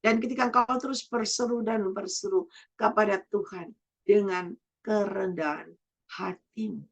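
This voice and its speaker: A woman preaching a sermon, repeating phrases and swinging between emphatic rises and quiet drops. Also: mid-range voice, fairly even intonation, normal speed, gravelly. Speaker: evangelist preacher.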